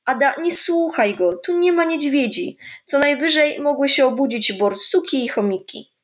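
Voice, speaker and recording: A woman voicing a kind, patient old grandfather in a children's storybook, speaking in a gentle, coaxing, explaining way. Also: sits high, expressive, normal speed, voice pushed up.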